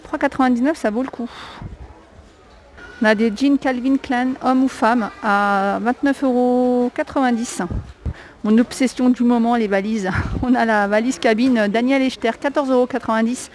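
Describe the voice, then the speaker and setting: Walking through a discount store with a handheld camera, a shopping vlogger who is an adult with a young child lists prices in French, her non-native accent and hesitant, filler-heavy chatter clear. Her voice is a little high and darkish, with fairly even intonation at a moderate pace, captured in a low-quality recording.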